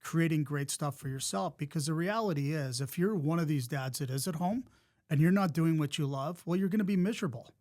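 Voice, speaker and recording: Podcast host guy, a bit higher voice, encouraging and reflective, stumbles and restarts a lot. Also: fairly quick, darkish tone. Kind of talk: casual interview talk.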